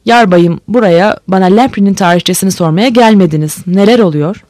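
A reader voicing a male ship owner who speaks calmly with dry irony. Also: medium pitch, a little fast, no room sound, lightly acted. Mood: cool.

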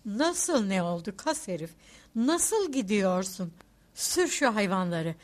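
A woman voicing an irritable middle-aged male traveler who shouts and scolds his coachman. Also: mid-range voice, very animated, takes it slowly. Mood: scolding shout.

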